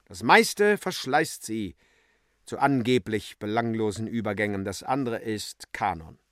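A man giving a theatrical literary reading with wide swings in pitch. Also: expressive, a little slow, dry recording, clean studio sound. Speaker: reader.

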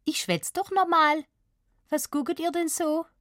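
A woman's voice: extremely high pitch, steady tone, unhurried, fairly bright tone, no echo, clean studio sound, pitched above the performer's own voice. A woman voicing a dazed young girl who suddenly speaks with a Swabian accent.

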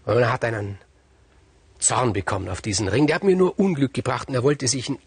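Husky male fairy-tale storyteller. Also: medium pitch, fairly quick, no room sound. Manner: lively and colloquial, swings from hushed to loud.

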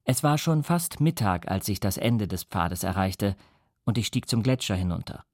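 A man reading a classic novel aloud as calm, measured first-person audiobook narration. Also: on the low side, no room sound, clean studio sound. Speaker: audiobook reader.

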